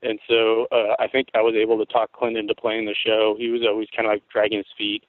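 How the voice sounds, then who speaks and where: This forties-aged musician from Tacoma, Washington, swears often as he rambles through relaxed stories on an interview show. His rough, worn voice runs on the low side, monotone and brisk. The line sounds tinny and phone-like, dry with no echo.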